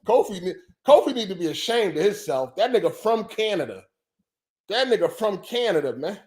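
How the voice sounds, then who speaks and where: A man chats on his livestream in a fairly high voice. His talk is loose and profane, and he repeats his points over and over, leaning on "man" and "dog.". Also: very animated, normal speed. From Philadelphia. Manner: loose, profane, repetitive banter. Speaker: podcast host. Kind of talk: casual livestream chat.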